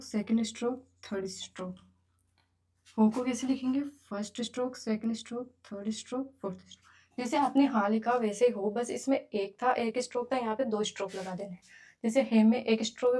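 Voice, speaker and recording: A woman's voice: fairly high pitch, steady tone, brisk, mellow. A woman teaching beginners to write, patiently counting each stroke aloud as she goes. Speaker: Japanese teacher. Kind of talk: beginner writing lesson.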